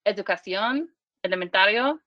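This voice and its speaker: On a podcast, a guest from Michigan, a woman in her thirties whose first language is English, struggles through learner's Spanish, restarting and filling pauses often. She sounds medium-pitched and expressive; the audio is muffled but echo-free.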